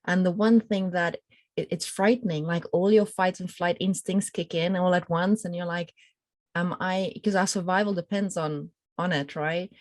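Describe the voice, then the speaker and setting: A woman co-hosting a casual spiritual conversation, reflective and empathetic, pausing thoughtfully as she talks. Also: lowish voice, fairly even intonation, darkish tone, no echo. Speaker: podcast co-host.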